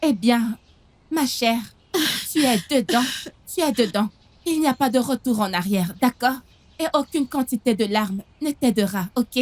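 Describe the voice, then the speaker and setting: Woman doing a cold scary gang lady, threatening, lower voice than usual. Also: moderate pace, a little mellow, dry recording, lightly acted. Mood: menacing. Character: menacing woman from a secret group. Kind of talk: dubbed film acting.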